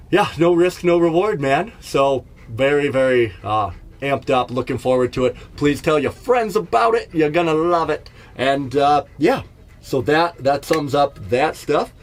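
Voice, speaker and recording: A middle-aged man from Canada telling stories in a rambling, self-mocking comedy podcast monologue. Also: medium pitch. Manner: rambling, self-mocking, laughs at his own bits. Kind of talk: casual storytelling monologue. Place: in Jasper, staying in an RV.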